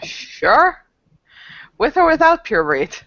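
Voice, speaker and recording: A woman playing a tabletop game, chatty and quick to laugh, on a dry, dull lo-fi recording. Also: sits high, sing-song, gravelly, fairly bright tone, no room sound. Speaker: player. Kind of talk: casual tabletop play.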